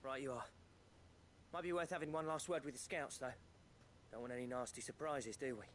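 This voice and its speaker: A man's voice: medium pitch, fairly quick, a little hiss or hum, lightly acted. An actor playing a friendly, plain-spoken male villager.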